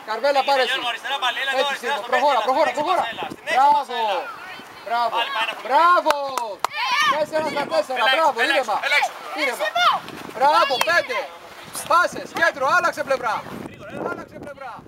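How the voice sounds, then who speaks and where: A man coaching football from the sideline outdoors, shouting short repeated commands and praise to his players. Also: extremely high pitch, pauses often. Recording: noisy outdoor field recording.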